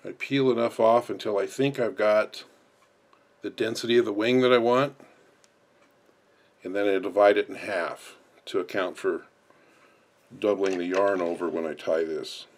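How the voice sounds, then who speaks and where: An instructor with a deep voice demonstrates a practical task, describing every step along the way. The tutorial narration is off the cuff rather than scripted.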